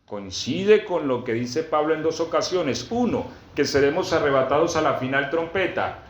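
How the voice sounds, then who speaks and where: Male pastor, fairly high voice, teaching sermon, quizzes the congregation, dull recording. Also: expressive, slight background noise. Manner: peppers teaching with questions to the congregation; reads scripture aloud slowly and emphatically. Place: church gathering with a congregation. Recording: roomy, dull low-fi sound.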